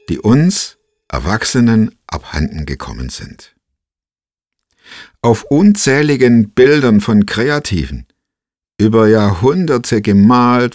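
A man's voice: lowish voice, no room sound, studio quality. A man giving a scripted devotional reflection, thoughtful and full of rhetorical questions. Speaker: preacher giving a devotional talk.

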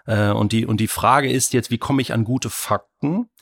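Measured German podcast host. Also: male voice, mid-range voice. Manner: measured, questioning interviewer. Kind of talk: interview podcast.

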